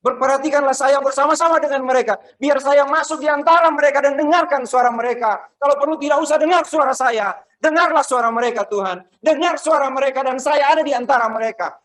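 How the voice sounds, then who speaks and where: A man's voice: on the high side, close to an everyday voice. A preacher voicing a desperate male leper who begs God humbly for mercy, crying out with a raised voice.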